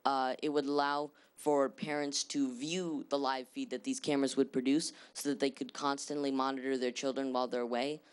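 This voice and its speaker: A man's voice: mid-range voice, smooth. A male presenter at a mock school board meeting, answering questions confidently but with many "uh"s. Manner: confident, hesitant fillers, many "uh"s.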